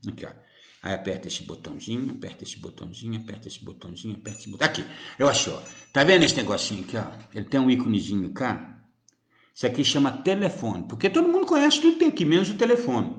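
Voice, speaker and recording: A man giving informal spiritual teaching as a medium, teasing and chatty, full of rhetorical questions. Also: medium pitch. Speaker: spiritist medium answering viewers. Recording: roomy echo.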